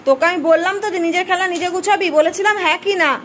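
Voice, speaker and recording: A woman's voice: extremely high pitch, quick pace, fairly bright tone, a little hiss or hum. A young woman filming a casual family vlog, chatting with her child and the viewers, teasing and scolding by turns. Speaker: mother and vlogger.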